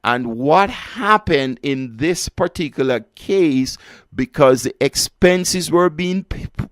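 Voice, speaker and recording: A man's voice: on the high side, lively intonation, takes it slowly, a bit bright, no room sound, studio quality. A man hosting a call-in radio advice show, talking straight to listeners and repeating key phrases for emphasis. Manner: preachy, addresses listeners directly.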